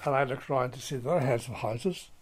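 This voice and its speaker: An older retired school principal, telling stories in an interview in a halting way, full of restarts and fillers. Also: male voice, medium pitch, breathy edge. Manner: halting, many restarts and fillers, playful when telling a prank. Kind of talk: interview storytelling.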